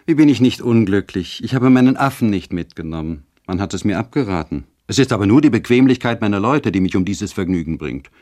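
A man voicing a spoiled, capricious young noblewoman who talks in a shrill, imperious and gushing way. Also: expressive, fairly quick, few pauses, a little mellow, no room sound, natural voice.

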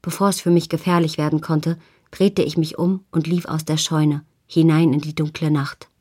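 A woman calmly narrating a novel in the first person as an audiobook reader. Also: low voice, moderate pace, breathy edge.

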